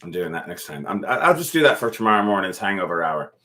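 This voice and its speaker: Talking fast in a low, sing-song voice that comes across pushed and bright, a man in his thirties co-hosts a casual drinking livestream. He's a musician, and his drunken banter is jokey and rambling, often fading into mumbles.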